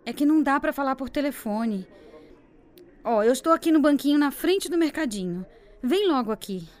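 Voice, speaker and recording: A woman's voice: sits high, lively intonation, moderate pace, darkish tone. A woman voicing an anxious, emotional young pregnant woman in an amateur radio drama, pleading and upset.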